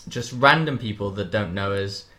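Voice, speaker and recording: A British man co-hosting a casual podcast, joking and cheeky in a fast, chatty way. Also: on the low side, animated, bright, forceful tone. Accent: British English. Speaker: podcast co-host. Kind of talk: casual chat.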